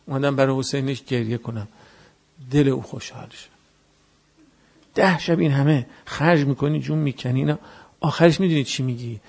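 Impassioned high-voiced male preacher. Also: creaky. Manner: swings from soft confiding murmur to loud impassioned rebuke; chants Quranic verse slowly. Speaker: cleric. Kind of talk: sermon.

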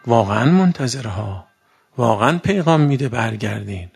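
A male preacher giving a conversational sermon in a gravelly voice with a husky edge. He talks in an everyday way and keeps asking his listeners rhetorical questions. He drags out key words slowly for emphasis. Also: mid-range voice. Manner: colloquial, asks the audience rhetorical questions.

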